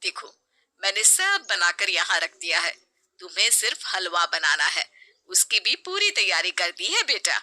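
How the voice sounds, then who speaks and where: A woman voicing a kind middle-aged mother-in-law who speaks softly and patiently. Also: fairly low pitch, very animated, moderate pace, full character voice. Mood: gentle. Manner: soft, patient, explaining.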